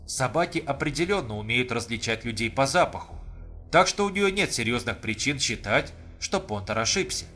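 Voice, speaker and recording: A man narrating an audiobook in a measured, even storytelling manner. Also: mid-range voice, soft background music.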